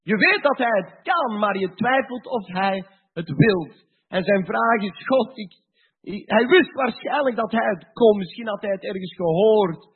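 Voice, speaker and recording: A man preaching a sermon, slow and emphatic, with sudden drops to a quiet voice. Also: high voice, animated, breathy edge. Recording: tinny phone-like sound.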